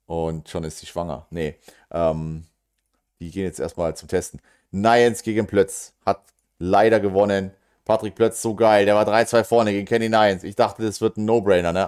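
Excitable German man calling darts. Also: lowish voice. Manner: excitable, joking, groans at missed checkouts; talks fast and casual with quick asides to the audience. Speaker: darts live commentator. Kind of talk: live game commentary.

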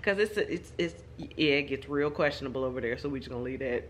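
A vlogger films herself on a phone or camera, chatting casually to the lens as she rambles and jokes about her day, first at home and then in her car. Her voice is a rumbling low and she talks quickly and animatedly, with self-deprecating asides. There is slight background noise.

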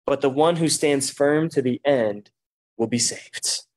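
A man's voice: medium pitch, a little slow, a little mellow, no room sound. A man preaching a sermon at a pulpit microphone, reading scripture aloud and breaking in with emphatic remarks. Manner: reads scripture aloud, then comments with emphatic exclamations.

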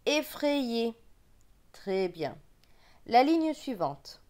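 A woman's voice: mid-range voice, lively intonation, unhurried. A woman with a regional French accent teaching beginners to read, sounding out syllables and repeating each word patiently. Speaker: reading teacher. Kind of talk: slow reading lesson for beginners.

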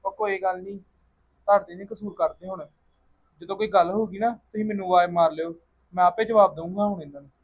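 A man's voice: high voice, fairly even intonation, fast, narrow, tinny audio. A man playing a caring grandson who earnestly reassures his grandmother. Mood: reassuring. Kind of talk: family drama vlog acting.

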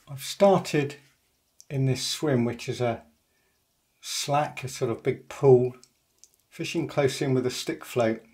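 Narrating his fishing day as a voice-over, an older angler vlogger speaks in a medium pitch, calm and unhurried. He keeps things matter-of-fact and pauses often.

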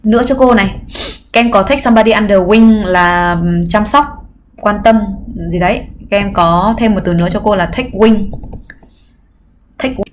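A woman English teacher giving a livestreamed exam review lesson, explaining patiently and pausing on filler sounds. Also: medium pitch, slight background noise. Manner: explains patiently, often adds "các em" and "nhá"; frequent filler hesitations. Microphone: computer mic during livestream.

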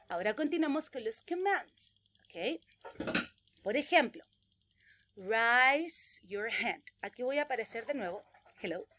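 Lively, animated woman teacher. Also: sits high. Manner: exaggerated, slow, loud drill words for children to repeat. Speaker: preschool English teacher. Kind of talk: virtual class teaching.

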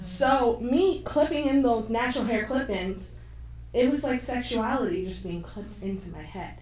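A young woman on a panel, telling a candid personal story with animated, frank delivery into a handheld mic on a stage. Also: on the high side, normal speed. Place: stage of a screening room with an audience. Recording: echoey hall from far off, faint noise.

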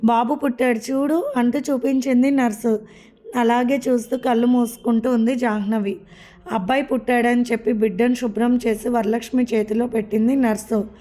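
A woman narrating a family story as a storybook reader, steady and measured. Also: a little high.

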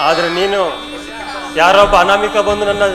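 A man's voice: high voice, level tone, moderate pace, lightly acted. A man acting a wounded elder brother who speaks in a declamatory, bitterly grieving way in a stage drama. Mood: bitter grief. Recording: roomy live stage with loud music.

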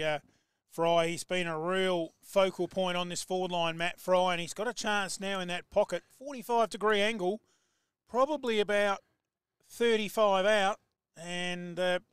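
An Australian man calling live football play-by-play, excitable and rising to shouts on big plays. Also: high-pitched, unhurried, clear, resonant tone, no room sound. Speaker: football commentator.

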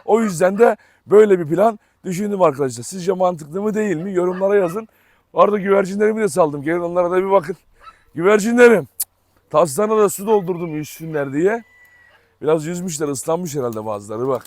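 A man's voice: high-pitched, a little fast, dry recording, studio quality. A man vlogging outdoors on a farm, chatting to viewers and coaxing his dog to come. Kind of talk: casual chat to camera.

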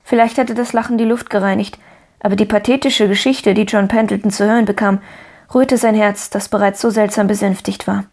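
A woman narrating a children's storybook in a calm, measured way. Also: mid-range voice. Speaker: audiobook narrator. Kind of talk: scripted narration.

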